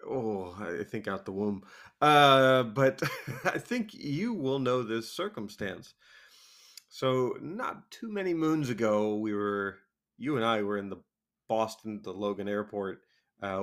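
A man's voice: fairly low pitch, a bit bright. A man with a wheezy voice co-hosts a podcast in a casual, comic, self-deprecating way, laughing often. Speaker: podcast co-host.

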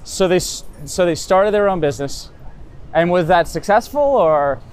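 A man's voice: sits high, expressive, moderate pace, smooth. A man hosting an interview outdoors, asking curious, probing follow-up questions in a casual tone. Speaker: interview host. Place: outdoors in a city with traffic nearby.

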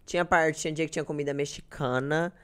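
A woman's voice: low voice, fairly even intonation, fast talker, fairly bright tone, smooth. A young woman from Brazil, chatting casually as a podcast guest and telling self-deprecating stories. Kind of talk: casual chat.

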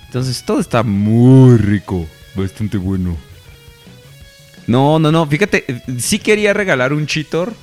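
A man's voice: mid-range voice, unhurried, a little mellow, soft background music. A man with a Mexican accent co-hosting a podcast in casual chat, telling jokes and laughing often. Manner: joking storyteller, laughs often. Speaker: podcast co-host.

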